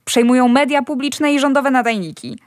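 Woman as anxious young wife, steady, fairly high-pitched, dry recording. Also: a little fast, no room sound, soft background music, close to an everyday voice. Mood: calming. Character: young wife and mother, worried but steady. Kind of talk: audio drama acting.

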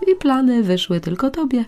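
An actress in a radio play voicing a burned-out, bitter middle-aged teacher who talks in a self-deprecating way. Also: female voice, fairly high pitch, very animated, a little slow, darkish tone, soft background music. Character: weary disillusioned woman teacher, middle-aged. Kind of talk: radio drama acting.

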